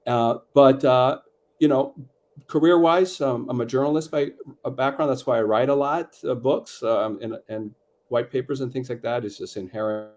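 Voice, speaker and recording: A middle-aged man from Peru, a guest author talking in a measured, reflective way with many fillers over a video call. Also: mid-range voice, a little mellow, a little hiss or hum. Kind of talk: conversational interview.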